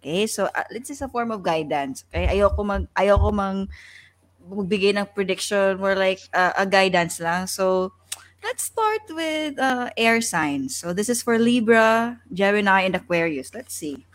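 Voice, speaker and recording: A woman's voice: medium pitch, lively intonation, normal speed. A woman with a Filipino accent giving casual guidance as a tarot reader, mixing Tagalog and English. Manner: code-switches between Tagalog and English.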